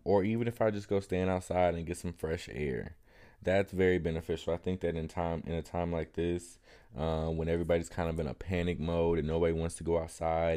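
A man's voice: sits low, darkish tone. A man talking straight to camera in a casual, reflective vlog, thinking aloud with many ums and restarts. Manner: thoughtful, rambling with fillers and restarts. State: has hiccups. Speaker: vlogger.

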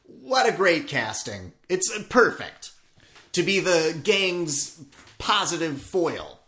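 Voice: medium pitch, sing-song, takes it slowly, pushed and bright. A podcast co-host in casual chat about a TV episode, enthusiastic and swearing casually.

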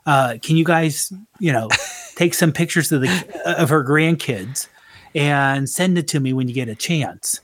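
Slightly high-voiced and unhurried, a middle-aged podcast co-host talks casually with no room sound. He tends to ramble, fixes his own wording along the way and chuckles a lot.

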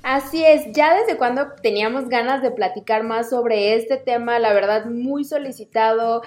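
A woman's voice: fairly high pitch, moderate pace, a little mellow. A woman co-hosting a podcast, introducing her guest in friendly casual talk. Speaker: podcast co-host. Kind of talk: casual chat.

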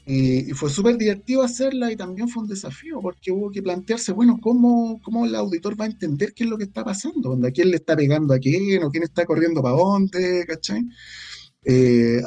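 A brisk, high-voiced man with lively intonation and a dark tone speaks with a Chilean Spanish accent. Interviewed as a guest, the audio drama scriptwriter and creator muses casually, leaning on colloquial slang.

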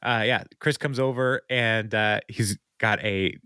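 A man's voice: lowish voice, fairly even intonation, unhurried, bright, forceful tone, clean tone, no echo, studio quality. A man hosting a podcast, casually recapping a TV episode with frequent laughs and filler words. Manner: laughs often, many ums and uhs. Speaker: podcast host.

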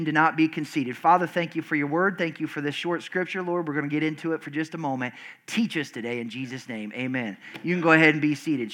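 In a church service, a pastor rouses his congregation with a call-and-response sermon. His voice, screechy and loud, rises into big high outbursts and then drops into quiet, low stretches, with plenty of restarts along the way.

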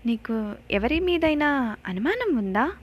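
A woman voicing a calm male police officer who questions and reassures a victim in a told story. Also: high voice, a little slow, breathy edge, pitched above the performer's own voice, full character voice. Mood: reassuring. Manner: reassuring, firm.

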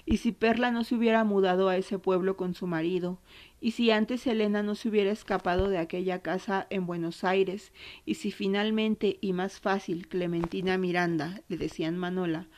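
A woman's voice: mid-range voice, steady tone, normal speed, darkish tone. Somber Argentine woman narrator. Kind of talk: literary nonfiction reading.

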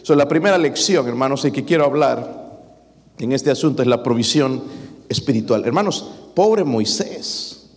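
Pastor preaching in a reverberant hall. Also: male voice, medium pitch, normal speed. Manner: lively preaching, dramatic quoted voices, addresses congregation as brothers. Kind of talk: sermon. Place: church hall. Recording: long reverb of a church hall.

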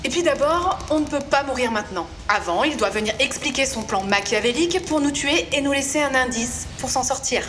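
A woman's voice: sits high, animated, fairly quick, few pauses, a bit bright. A woman playing a bossy, exasperated adventurer in a comedy audio drama, with a biting, sarcastic way of talking. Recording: echoing hall with noisy ambience.

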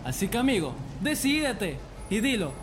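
A man doing a brash, high-voiced buddy. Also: sing-song, normal speed, noisy background. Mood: coaxing. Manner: coaxing, pep-talk energy. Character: pushy streetwise buddy, adult man, brash and confident.

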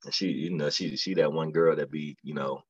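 Very deep-voiced husky comedian man. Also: steady tone, fairly quick, no echo, muffled recording. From lives in Atlanta area. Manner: laid-back, slangy, storytelling with quoted voices. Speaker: stand-up comedian, guest. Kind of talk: casual podcast chat.

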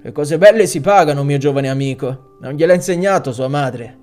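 A man's voice: fairly high pitch, moderate pace, a little mellow, faint music behind, close to an everyday voice. A man voicing a chatty, folksy street florist who banters like a salesman. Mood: jovial. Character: chatty middle-aged male street florist.

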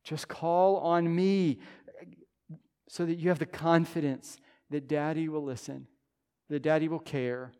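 A fairly high-pitched man in his thirties delivers a sermon, talking to the congregation in an earnest, conversational way that swells into loud, emphatic stretches. His voice rings out with a long reverb tail in the church hall. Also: smooth. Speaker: pastor. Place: church sanctuary.

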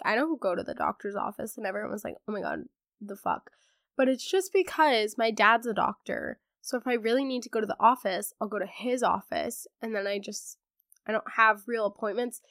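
Congested while recovering from laryngitis, a teenage girl hosts a podcast and chats casually with plenty of sarcasm and fillers. Her mid-range voice is a bit bright, and the studio-quality recording has no echo.

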